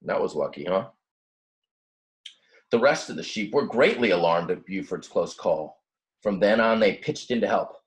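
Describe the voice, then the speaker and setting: Here a low-voiced man reads a kids' book in an animated, teacherly way at normal speed, leaving long pauses. Along the way he drops in easy, informal explanations of words.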